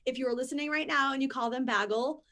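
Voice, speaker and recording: Woman podcast co-host, playful ranting, slightly high voice. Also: fast talker, bright, forceful tone. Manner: playful, ranting, laughs often. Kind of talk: casual chat, reading a news article aloud.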